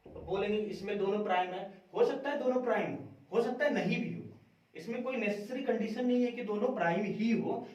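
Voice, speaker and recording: In a classroom math lesson, a man with a high, darkish voice frequently asks a question and then answers it himself. The room is very echoey, and the distant mic gives a dull sound.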